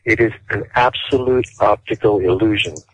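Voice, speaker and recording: A male interview guest explaining in detail and at a deliberate pace, with frequent fillers. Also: on the low side, slight background noise. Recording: dull dry lo-fi audio.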